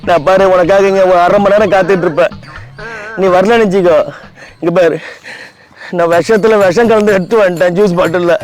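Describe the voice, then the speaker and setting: A man's voice: high voice, steady tone, fairly quick, long pauses, a little mellow, faint music behind. A man, pleading dramatically outdoors in a public prank about heartbreak. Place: outdoors by a lake.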